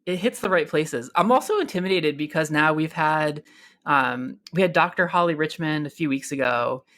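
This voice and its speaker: A man hosting a podcast in a relaxed, conversational interview, upbeat and playful, laughing often and using many fillers. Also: fairly high pitch, normal speed. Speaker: podcast host.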